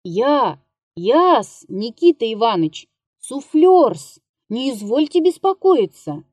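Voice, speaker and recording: A woman voicing a tall, wiry, bald old male theatre prompter with a gray beard, speaking slowly and softly in a deferential manner. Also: on the high side, very animated, dry recording, pitched above the performer's own voice, full character voice. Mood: reassuring. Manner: slow, soft, adds deferential "-s" to words.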